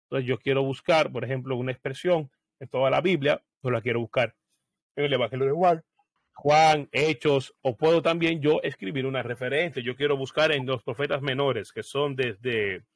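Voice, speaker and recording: A man of medium pitch gives a casual screen-share tutorial and explains each click in turn. His voice is recorded dry and close, with no room sound. He thinks aloud and fills his pauses with hesitations. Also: fairly even intonation, no echo. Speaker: software tutorial presenter.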